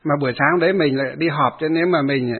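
A male Buddhist monk tells a story in a sermon, lively and talking straight to his listeners. His voice sits fairly high with a husky grain. The audio is thin and phone-like. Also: quick pace. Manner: animated storyteller who laughs along and addresses the audience.

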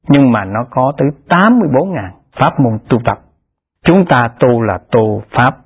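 Man, Buddhist dharma talk, measured teaching cadence, husky voice, tinny phone-like sound. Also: mid-range voice. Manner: measured, repetitive teaching cadence, rising emphasis on key terms. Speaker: Pure Land Buddhist teacher.

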